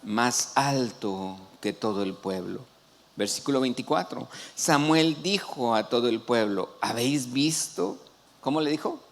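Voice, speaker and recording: A man with a Mexican Spanish accent preaching a sermon, colloquial and animated, acting out quotes with excited outbursts and frequent restarts. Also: mid-range voice, a little slow. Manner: animated, acts out biblical quotes with excited shouts. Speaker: pastor.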